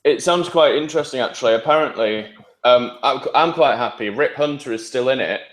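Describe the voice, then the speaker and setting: A man's voice: mid-range voice, brisk. A man chatting casually as a podcast panellist, with a roomy, echoing sound. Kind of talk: casual chat about TV shows.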